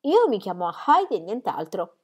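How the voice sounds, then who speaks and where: A woman reading aloud, voicing a plainspoken little mountain girl who answers calmly. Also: medium pitch, moderate pace, breathy edge. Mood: plain. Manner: simple, calm, matter-of-fact.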